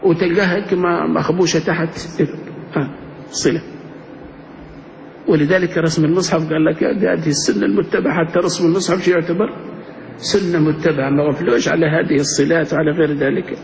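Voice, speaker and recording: A man's voice: fairly high pitch, fairly even intonation, a little fast, vocal fry, darkish tone, a little hiss or hum. A man teaching grammar to a class, often checking with them through rhetorical questions. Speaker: sheikh teaching Arabic grammar. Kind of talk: classroom lesson. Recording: dull lo-fi recording.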